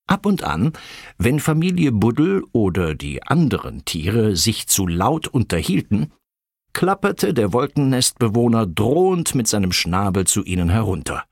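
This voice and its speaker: A man reading a children's farm story aloud, his low voice rising and falling expressively. He takes his time, and a slight huskiness colors the words. The sound is close and dry. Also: husky, dry recording. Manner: expressive storytelling with lively pitch. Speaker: narrator. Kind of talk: children's audiobook narration.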